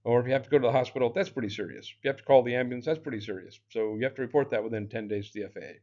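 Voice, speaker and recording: A man's voice: medium pitch, rapid-fire, a little mellow, lo-fi sound. A man teaching an exam-prep lecture in a loose, chatty way, full of fillers and asides. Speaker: drone exam instructor.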